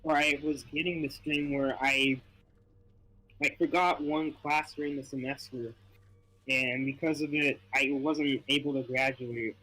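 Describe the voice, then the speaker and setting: A man's voice: medium pitch, steady tone, unhurried, pushed and bright, low-quality recording. A young man with allergies chatting casually on a gaming stream, rambling and laughing often. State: stuffy from allergies. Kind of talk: casual chat while gaming.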